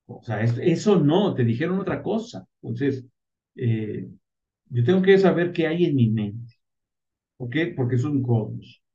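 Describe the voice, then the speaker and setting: A man's voice: medium pitch, expressive, measured pace, dark tone. A man preaching a sermon as pastor. He poses rhetorical questions and answers them, and repeats words for emphasis. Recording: distant mic, dull lo-fi sound.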